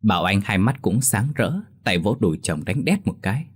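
A man narrating a ghost story slowly and steadily. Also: on the low side, animated, husky.

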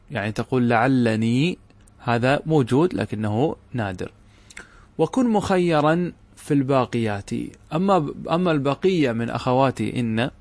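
Sheikh teaching grammar, dry close sound. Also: male voice, medium pitch, no echo. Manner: explains step by step and often checks with "clear?". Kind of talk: classroom grammar lesson.

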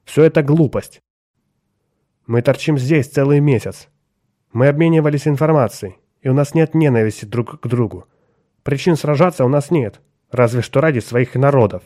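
A man reading an audiobook, voicing a stern human starship captain who speaks loudly and forcefully. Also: mid-range voice, normal speed, dry recording, studio quality, natural voice. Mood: aggressive. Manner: forceful, commanding.

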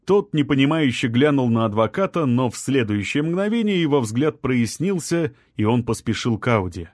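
With a mid-range voice, a male audiobook narrator delivers scripted narration in a measured, even storytelling manner. There's no echo, and the audio is studio quality.

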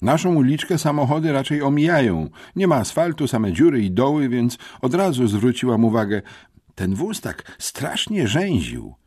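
An eager young village girl from a storybook, her voice pitched high and bouncing with lively swings, as a male narrator puts her on. A faint huskiness stays under the raised voice. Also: breathy edge, dry recording, studio quality. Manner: high, breathless and quick to explain.

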